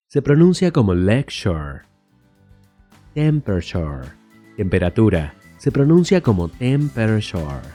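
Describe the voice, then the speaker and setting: A man narrating a scripted language lesson in a warm, mellow voice with a lively, rising-and-falling pitch. He slows down to say each English example word carefully, then explains what it means. Faint music plays underneath. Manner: says English example words slowly and carefully, then glosses them. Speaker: English teacher.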